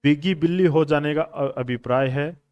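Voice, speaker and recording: A man's voice: a little high, normal speed, darkish tone, smooth, dry recording, muffled recording. A man teaching a coaching class on questions. He explains each answer patiently, repeats the answers and calls his students brothers and friends. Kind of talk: classroom lecture on Hindi exam questions.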